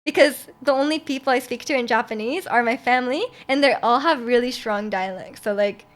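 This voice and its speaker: Her voice on the high side and her pace fairly quick, a young woman streamer talks casually with viewers while reading their comments. She often laughs and begins sentences again.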